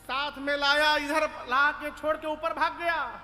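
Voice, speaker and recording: A man's voice: extremely high pitch, fairly even intonation, measured pace, bright, forceful tone. A man telling a devotional epic story in a dramatic way, acting out the characters. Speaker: religious storyteller. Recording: reverberant hall with faint music.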